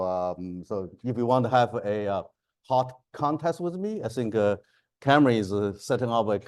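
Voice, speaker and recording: A man, his voice low-pitched and unhurried as he tells stories in broken English. He gives a chatty, laughing university lecture through a clip-on lapel mic in a lecture room. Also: darkish tone. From China. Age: 50s. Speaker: professor.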